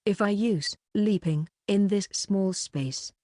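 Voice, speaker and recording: A woman's voice: medium pitch, takes it slowly, warm tone, no room sound, studio quality, lightly acted. A woman reading the lines of a proud, boastful female sumo champion fighter in an audiobook. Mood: confident.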